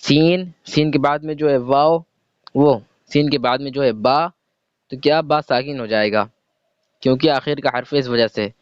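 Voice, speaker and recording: Speaking at a medium pitch with fairly even intonation, he leads a patient reading lesson, breaking words into individual letters and sounds and answering the questions he raises. His tone is clean and the recording dry, but overall the sound is dull and lo-fi.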